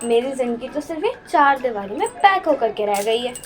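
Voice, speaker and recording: A woman's voice: on the high side, sing-song, a little fast. A woman playing a tired young daughter-in-law who mutters complaints to herself in a comic family skit. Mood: weary grumbling.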